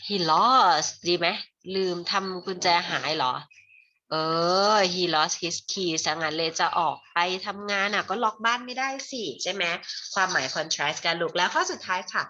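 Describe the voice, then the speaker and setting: A Thai-accented woman leads an English lesson for kids at a very slow, deliberate pace. Her voice is bright and forceful, sitting a little low in pitch. The recording sounds somewhat dull and lo-fi. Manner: switches between Thai and slow, clearly spelled-out English, calls viewers "child". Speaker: English teacher. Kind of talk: online English lesson for children.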